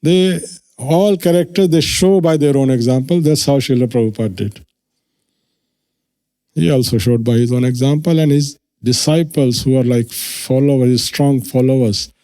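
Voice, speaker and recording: A man's voice: medium pitch, normal speed, warm tone. A man giving an earnest devotional lecture at a temple, explaining scripture and acting out quoted lines. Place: temple hall.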